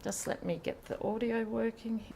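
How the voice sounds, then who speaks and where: A woman professor talks through a seminar lecture in a hall, her voice sitting a little high. She moves between explanation and quick asides to the listeners. She keeps it conversational. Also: gravelly, a little hiss or hum. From Ireland. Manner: lively, quick asides, laughs with the audience. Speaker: university professor giving a seminar. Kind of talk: lecture with audience questions.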